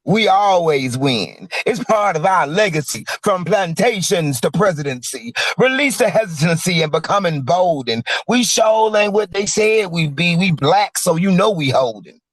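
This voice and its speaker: A man performing a rhythmic spoken word poem in a half-sung delivery, with a husky voice. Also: sits high, lively intonation, moderate pace, few pauses, no echo.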